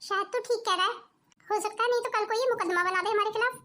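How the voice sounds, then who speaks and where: Woman doing a bossy stingy cartoon mom-in-law, super high squeaky voice, scolds fast. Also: sharp tone. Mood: angry, scolding. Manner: scolding, domineering. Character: bossy stingy middle-aged mother-in-law. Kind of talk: cartoon voice acting.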